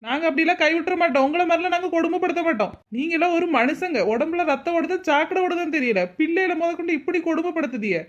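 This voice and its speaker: A woman's voice: extremely high pitch, quick pace, few pauses, muffled recording. A woman doing a bold, protective woman. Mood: indignant. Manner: firm, scolding, protective. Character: bold young village woman standing up for others.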